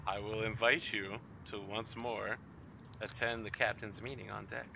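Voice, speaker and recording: A man's voice: fairly low pitch, little pitch movement, normal speed, gravelly. A man narrating a tabletop role-playing game as game master. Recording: dull recording, faint noise, clicks.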